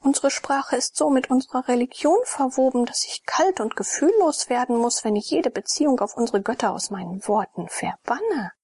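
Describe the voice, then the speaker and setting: A woman's voice: high voice, animated, normal speed, hardly any pauses, darkish tone, breathy edge, no echo, voice pushed up, heavily acted. A woman voicing an eager, devout young sister, half-whispered in a raised voice as part of an audiobook reading. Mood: pleading.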